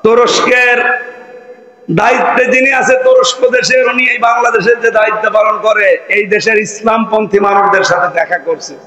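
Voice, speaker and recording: A man from Bangladesh preaching an outdoor Islamic sermon, shouting as he explains Quranic verses over a loudspeaker microphone. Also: high voice, steady tone, normal speed, a faint crowd. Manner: fiery, shouting Quranic exposition. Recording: echoey, reverberant PA sound.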